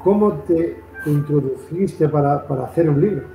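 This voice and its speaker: A man with a Castilian Spanish accent hosts a casual interview, telling long, repetitive stories. His voice sits a little high for a man but sounds dark and mellow. A roomy echo surrounds him, with faint guitar music underneath. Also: moderate pace. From Madrid, Spain. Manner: long rambling, repetitive storytelling. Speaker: interview host. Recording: echoey room.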